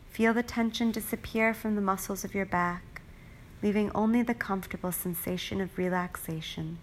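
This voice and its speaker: A woman talks the listener through a guided relaxation, soothing and repetitive. She speaks at a mid pitch and takes her time over every phrase, as a hypnotist would.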